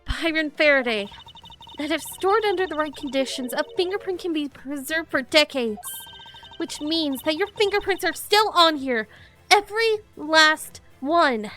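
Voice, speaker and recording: A woman's voice: sits high, lively intonation, unhurried, pushed and bright, soft background music, full character voice. A woman voicing an earnest and fierce young woman in a video game, set on avenging her father. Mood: determined.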